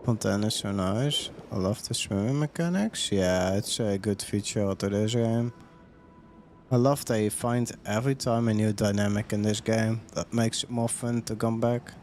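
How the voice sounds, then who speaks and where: A male streamer with a lowish, darkish voice comments casually on his live gameplay at a moderate pace. He reads on-screen text and chat aloud while thinking through and questioning his moves. There is slight background noise.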